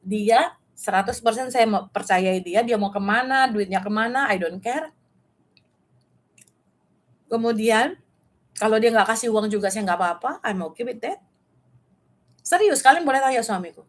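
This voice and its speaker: Woman, middle-aged, Indonesian accent, testimony sermon, animated storytelling, slips into English phrases. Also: fairly high pitch, normal speed, long pauses. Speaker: preacher.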